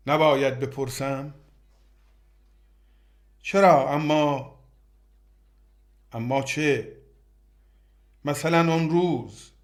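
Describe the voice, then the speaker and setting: Man reciting a brooding two-voice dialogue. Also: a little high. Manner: brooding, short questioning exchanges.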